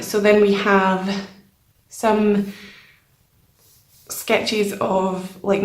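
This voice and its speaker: Echoey, slow-paced woman vlogging. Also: medium pitch. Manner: informal, hesitant, self-deprecating. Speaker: channel host showing a sketchbook. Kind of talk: casual chat, vlog voice-over. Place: nearly empty room indoors with only a desk. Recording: echoey, bare empty room.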